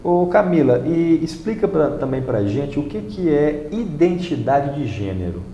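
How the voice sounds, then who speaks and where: Male TV host, mellow and slightly high voice, roomy studio with faint background noise. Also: sing-song, measured pace. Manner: asks short questions, recaps answers. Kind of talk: TV studio interview.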